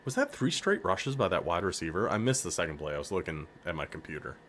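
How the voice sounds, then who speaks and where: A man with a northern American accent giving casual, excitable commentary on his football video game, hyping up his players and laughing often. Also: deep voice, fast talker, slight background noise. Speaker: gaming YouTuber.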